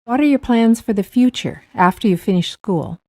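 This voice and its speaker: Her voice on the high side, the adult American interviewer keeps her scripted questions short. She speaks to the young people in a steady, measured manner.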